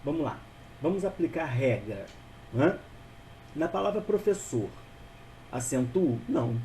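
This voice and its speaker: A man's voice: on the high side, animated, a little slow, mellow, a little hiss or hum, poor audio. A man teaching a grammar lesson, patient and repetitive, often checking in with the listener. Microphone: voice-over for a narrated video.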